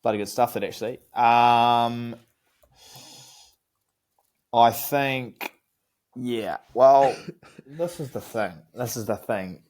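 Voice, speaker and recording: A man's voice: medium pitch, slow pace, pauses often, darkish tone. A young man with a broad New Zealand accent, bantering casually as a podcast co-host in a laid-back, slangy way and often repeating himself. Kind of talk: casual banter between mates.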